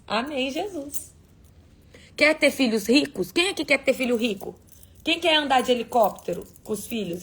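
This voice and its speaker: A woman preaching on a prayer livestream, emphatic and asking her viewers rhetorical questions. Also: fairly high pitch.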